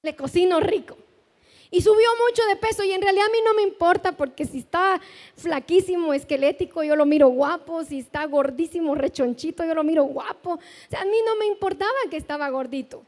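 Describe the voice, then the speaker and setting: Middle-aged Guatemalan woman pastor, high voice, sermon in a big reverberant church hall. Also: brisk. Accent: Guatemalan Spanish. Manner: animated storytelling with direct questions to the congregation.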